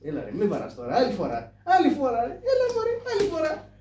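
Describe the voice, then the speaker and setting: A cheeky, boastful trickster of shadow puppet theatre, as a man puts him on, high and joking, hollering like a street crier. The voice sits well above a normal man's and rings through a roomy hall. It sounds caught from across the stage with faint ambience under it. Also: wildly swooping pitch, dark tone, a little hiss or hum, heavily acted. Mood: pleading. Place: live stage. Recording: echoey distant stage mic, faint ambience.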